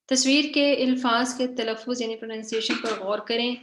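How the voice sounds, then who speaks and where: A woman teaching Quranic grammar in an online lesson. She explains her slides, often repeats her points and checks in with "theek hai", and reads the example words slowly and drawn out. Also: a little high, steady tone, a bit bright, reverberant, slight background noise.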